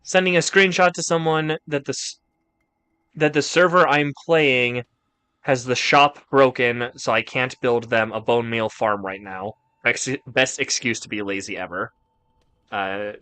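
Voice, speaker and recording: Slow, bright-voiced joking male streamer. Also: mid-range voice. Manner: rambling, joking, swears a lot while reading chat. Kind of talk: casual gaming stream chat.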